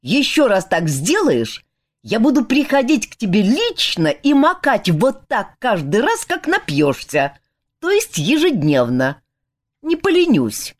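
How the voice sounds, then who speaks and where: A woman reading a hungover young king who snaps sarcastically, his voice jumping high when outraged. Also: wildly swooping pitch, unhurried, full character voice. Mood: irritable, sarcastic. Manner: bitter, snapping, rises high in outrage.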